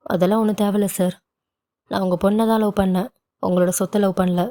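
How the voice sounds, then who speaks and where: A woman's voice: mid-range voice, little pitch movement, fast talker, mellow, lightly acted. Woman voicing a proud, angry young husband. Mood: firm.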